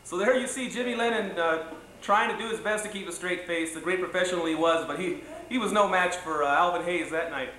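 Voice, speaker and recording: Middle-aged male host, high bright voice, halting conversational delivery, echoey home video sound. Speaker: boxing show host. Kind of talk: spoken tribute to camera. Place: living room, indoors. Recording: echoey room, faint noise, old video.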